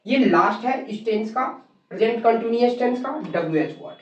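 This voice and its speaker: A man's voice: extremely high pitch, animated, fairly quick. A man teaching English grammar at a classroom board, spelling words out letter by letter and calling his students children. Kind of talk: classroom lesson on a whiteboard. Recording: distant, roomy and dull-sounding classroom recording.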